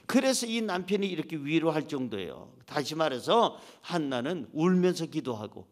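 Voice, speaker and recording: A middle-aged man preaches in a church with a high-pitched voice. He is animated, acts out the voices of the people in his stories, and swings between loud outbursts and quiet asides. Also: normal speed. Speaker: pastor. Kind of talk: sermon. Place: church sanctuary.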